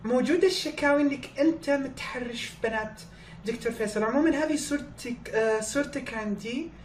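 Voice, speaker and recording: A man's voice: extremely high pitch, fast, voice pushed up. A man putting on a woman's voice as a female doctor in a prank phone call. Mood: official. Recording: echoey, noisy, distant phone prank recording.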